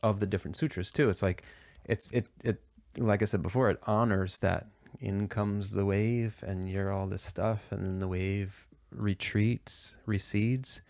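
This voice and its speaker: A man who does body work, co-hosting a reflective podcast and working his ideas out aloud with halting restarts. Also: on the low side, steady tone, darkish tone, dry recording, clean studio sound. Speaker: body worker and podcast co-host.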